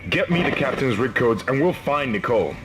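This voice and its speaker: A man's voice: medium pitch, big pitch swings, fairly quick, close to an everyday voice. An actor playing a tense male ship officer in a horror game, giving urgent, clipped orders. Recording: heavy static noise.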